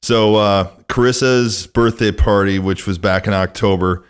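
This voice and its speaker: A man hosting a podcast, speaking in an easygoing, appreciative way and often pausing on "uh". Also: lowish voice, fairly even intonation, clean tone. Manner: easygoing, appreciative, with frequent "uh" fillers. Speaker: podcast host. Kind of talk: casual podcast conversation.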